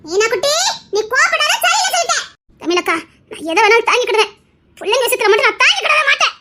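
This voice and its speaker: A woman's voice: very high voice, lively intonation, fast, bright, forceful tone, slight background noise, heavily acted. A woman playing a fiery, protective village mother with a Tirunelveli Tamil accent, indignant and talkative. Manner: indignant outbursts with laughing asides.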